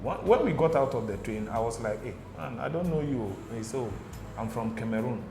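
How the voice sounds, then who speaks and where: A Ghanaian man speaks as a guest in a casual studio interview, his mid-range voice gravelly and a little fast. He tells stories with animation, often checking in with "okay?" and "do you understand?". The room echoes, with music and some background noise behind him.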